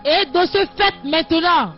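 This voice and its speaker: Scornful power-mad daughter. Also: female voice, very high voice, a little slow. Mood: menacing. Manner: scornful, commanding, shouting at times. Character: cruel, power-hungry young woman turned sorceress. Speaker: cruel daughter Amaka. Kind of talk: dubbed film drama. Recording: dull lo-fi sound with faint music.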